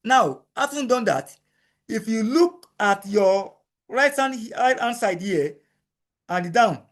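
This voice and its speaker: A man leads a screen-recorded software lesson, his voice high for a man. He goes slowly and explains each click, repeating himself so nobody gets lost. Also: animated. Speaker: instructor.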